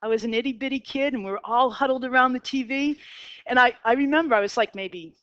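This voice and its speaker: A math teacher in her fifties with a Boston accent and a fairly high voice leads a classroom lecture, talking fast and chattily, quizzing students and drifting into side stories. The recording is dull, lo-fi, and dry, with no room sound.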